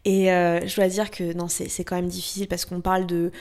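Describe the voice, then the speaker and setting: A woman's voice: on the low side, level tone, brisk, darkish tone. A woman yoga teacher being interviewed, talking casually and hesitantly with lots of fillers and restarts.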